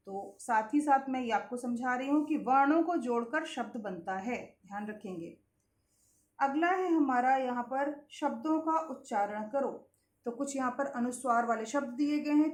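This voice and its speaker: A woman teaches a children's Hindi lesson in a high, bright voice. She stretches out each syllable and repeats every point for her pupils. The recording carries a roomy echo. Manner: slow, drawn-out sounding of syllables and words; repeats key points, asks questions to the class.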